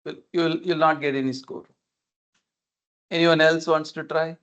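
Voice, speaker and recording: Male lecturer, slightly high voice, didactic question-and-explain delivery, dull lo-fi video call audio. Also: fairly even intonation, a little slow, a bit bright, clean tone. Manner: didactic, repeats and checks understanding. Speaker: lecturer teaching numerical methods. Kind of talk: explanatory online class, questioning students. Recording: dull, lo-fi online meeting audio.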